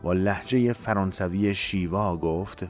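A man reading a dramatic novel aloud in a measured, emotive storytelling voice. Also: sits low, faint music behind. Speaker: narrator. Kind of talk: dramatic audiobook narration.

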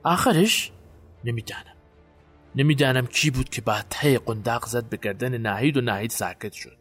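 A man's voice: medium pitch, a bit bright, husky, soft background music. A man playing a haunted, guilt-ridden witness. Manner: halting, haunted recollection. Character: guilt-haunted man recalling a night burial. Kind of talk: audio drama acting.

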